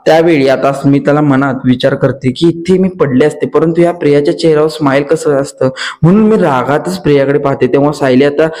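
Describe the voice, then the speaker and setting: A man's voice: fairly high pitch, fairly quick, rough recording. A man retelling a TV serial episode as a reviewer, reading the characters' lines in his own voice. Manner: steady storytelling recap, reads quoted lines in his own voice.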